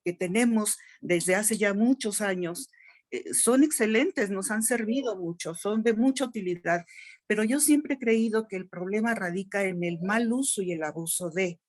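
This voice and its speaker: A middle-aged woman with a strong, loud voice, talking emphatically in a group discussion among teachers. Her pitch sits in an ordinary middle range for a woman. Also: normal speed. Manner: loud, emphatic speaker who calls her own voice strong. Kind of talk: participant in a teacher training discussion.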